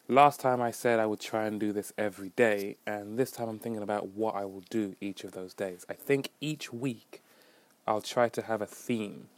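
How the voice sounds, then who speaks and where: A young man hosts his own podcast in a casual solo monologue, his voice on the low side with no room sound. He rambles in a self-deprecating way with wry asides, still carrying a slight residual cough.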